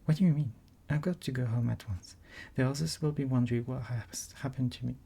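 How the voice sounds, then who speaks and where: A woman's voice: sits low, animated, normal speed, slightly rough, pitched above the performer's own voice, full character voice. A woman voicing a kind, earnest young girl, lifting her voice and often whispering. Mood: startled. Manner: soft whispery reading of a child's pleas.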